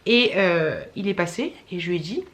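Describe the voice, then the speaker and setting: A woman's voice: fairly low pitch, lively intonation, brisk. Chatty young French woman vlogging. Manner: chatty, rambling, many fillers. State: tired. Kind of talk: casual chat to camera.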